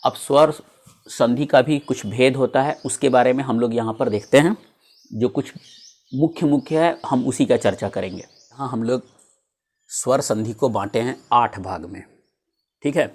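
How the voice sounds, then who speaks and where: A man's voice: medium pitch, moderate pace, darkish tone, slightly rough. A male teacher, explaining a grammar lesson step by step and asking his students rhetorical questions.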